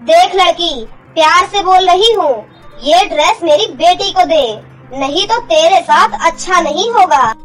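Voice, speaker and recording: A woman's voice: very high-pitched, unhurried, faint music behind, low-quality recording. A woman playing a harsh, cruel stepmother in a cartoon story, scolding with contempt.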